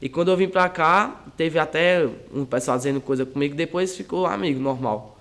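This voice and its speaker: A teenage high school student answers interview questions in a soft, rambling way, often pausing and restarting. His voice sits a little high for a man is clear. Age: teens.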